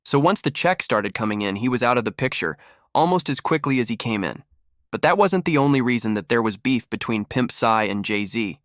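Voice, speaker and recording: A man's voice: medium pitch, lively intonation, fairly quick, fairly bright tone, no echo, clean studio sound. A man delivering scripted gossip commentary as a narrator.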